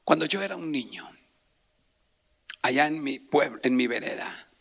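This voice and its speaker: A middle-aged man preaching a sermon as pastor, moving from hushed whispers to impassioned shouting. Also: mid-range voice, animated, moderate pace, creaky, husky. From Colombia.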